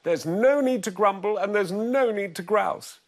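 Man doing a squeaky flustered little old lady. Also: unhurried. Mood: pleading. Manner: high, wailing and pleading.

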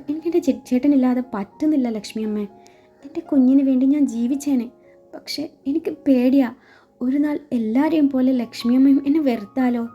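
A woman reading aloud the farewell letter of a heartbroken young wife, in a soft, pleading voice close to a whisper, over dull lo-fi audio with faint music. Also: a little high, natural voice. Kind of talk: dramatized story reading.

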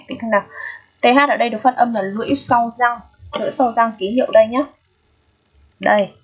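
A woman's voice: mid-range voice, a little hiss or hum. A woman teaching an English exam review lesson, patient and repetitive, often checking that students understand. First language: Vietnamese. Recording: dull lo-fi recording.

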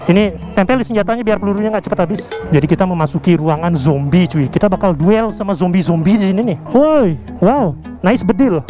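With music playing behind him, a vlogger with an Indonesian accent films at an indoor theme park on an action camera he wears or holds. His high, dark-toned voice moves fairly quickly with lively intonation and hardly any pauses as he offers casual, slangy commentary, joking and exclaiming.

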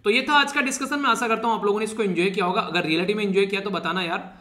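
A man's voice: sits high, rapid-fire, sharp tone, reverberant. A man teaching a casual Hindi exam-prep lecture, chatty and teasing with his students, laughing often. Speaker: current affairs teacher.

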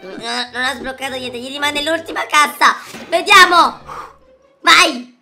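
A man voicing an excitable, dramatic little boy who squeals, shouts and sings out, in a gaming reaction video with game music behind. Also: extremely high pitch, unhurried, exaggerated voice. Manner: squealing, shouting and sing-song outbursts. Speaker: YouTuber.

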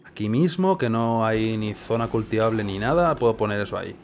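A man's voice: on the low side, steady tone, fairly quick, a little hiss or hum. A man with a Castilian accent from Spain giving casual gameplay commentary, musing and questioning himself as he thinks aloud. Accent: Castilian Spanish from Spain. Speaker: gaming video host.

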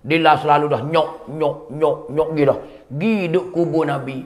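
A man's voice: a little high, steady tone, moderate pace. A man with a Kelantan-Pattani Malay accent, a religious teacher telling a dramatic story in a sermon and acting out the people in it. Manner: dramatic storyteller, acts out wailing and dialogue.

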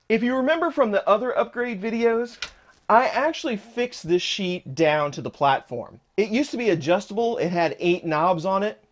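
A man in his thirties hosting a hands-on 3D printer build vlog in his home workshop, explaining parts as he shows them. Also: high voice. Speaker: channel host.

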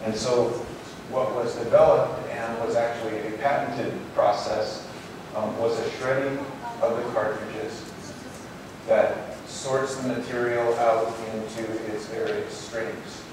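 A man's voice: medium pitch, steady tone, slow pace. A man on stage giving a conference keynote in a hotel ballroom, friendly and loose with frequent fillers. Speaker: program manager giving a keynote. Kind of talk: conference presentation. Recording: echoey ballroom from far off with hiss.

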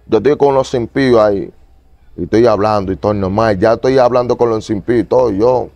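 A man in an interview giving a fervent, repetitive testimony, moving between loud pleading and low murmurs. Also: brisk, dry recording. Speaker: evangelist guest.

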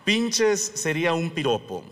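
Profane Mexican stand-up comedian, higher voice. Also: male voice, measured pace. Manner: profane, lively storytelling, acting out quoted voices. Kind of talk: stand-up monologue. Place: comedy stage.

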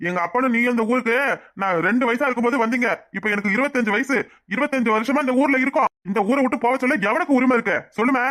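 A man's voice: extremely high pitch, fast, fairly bright tone. A man voicing a hot-headed, fiercely loyal young village man in his twenties in a cartoon, defiant and boastful. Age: 20s. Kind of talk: cartoon voice acting.

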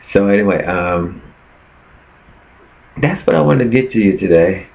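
A man with a very low voice preaches earnestly to camera, posing rhetorical questions. His words come through thin and tinny, like over a phone line. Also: vocal fry. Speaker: preacher sharing his fast. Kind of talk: casual preaching vlog.

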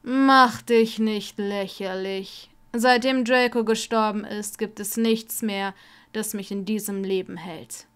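A woman voicing a dying older wizard, bitter and cold, who rasps and often sinks to a weak whisper. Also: mid-range voice, fairly even intonation, slow, a bit bright. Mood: furious. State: coughing, ill.

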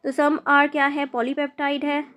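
A woman's voice: high voice, flat delivery, normal speed, a bit bright, a little hiss or hum. A young woman teaching chemistry in a casual lecture, repeating terms and spelling them out letter by letter. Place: sitting downstairs with traffic outside.

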